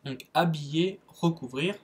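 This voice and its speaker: A French man with a French accent giving a casual spoken lesson on English verbs, halting, with many fillers and restarts. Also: fairly high pitch, husky. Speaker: English teacher, channel host.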